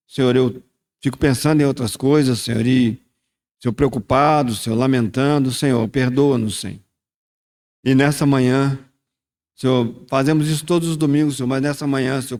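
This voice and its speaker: At communion, a church leader delivers a short sermon before praying aloud. His voice is medium in pitch with a darkish tone. He sounds reflective throughout and repeats "Senhor" frequently in the prayer.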